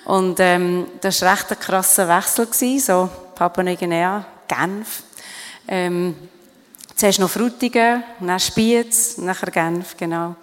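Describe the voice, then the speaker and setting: A woman's voice: fairly low pitch, takes it slowly, long reverb tail. A middle-aged woman with a Swiss German accent, speaking earnestly and reflectively as a guest on stage, with many fillers and restarts. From Switzerland. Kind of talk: interview on stage at an event.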